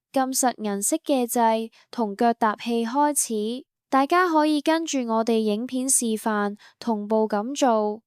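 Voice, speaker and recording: A woman reading a scripted instructional voice-over for a beauty salon, in an even, promotional step-by-step manner. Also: fairly high pitch, clear, resonant tone, dry recording, studio quality.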